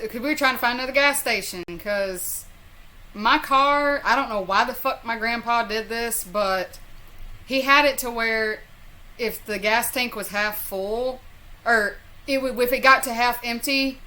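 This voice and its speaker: Bright-voiced Southern woman, rambling storyteller. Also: a little high. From southern US, North Carolina. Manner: rambling, profane, self-deprecating. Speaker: storyteller vlogger. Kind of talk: casual chat, personal storytelling.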